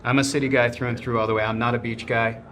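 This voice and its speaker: A man's voice: medium pitch, level tone, fairly bright tone. A man, a restaurant owner and chef, chatting as a guest in a casual conversation, enthusiastic and restarting his sentences often. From grew up in snowy region. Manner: enthusiastic, talks in quick bursts with restarts.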